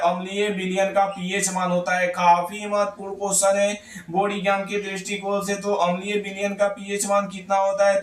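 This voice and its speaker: A man's voice: high voice, roomy sound. A man teaching as a tutor, walking through exam questions and repeating each answer with rhetorical questions.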